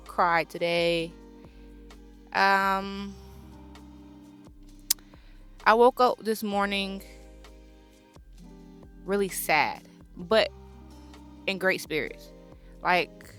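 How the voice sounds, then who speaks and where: Slow, bright-voiced young woman podcaster. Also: mid-range voice. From born near Chicago, raised near Atlanta. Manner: slow, reflective, searching for words. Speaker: podcast host. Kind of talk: personal heartfelt monologue.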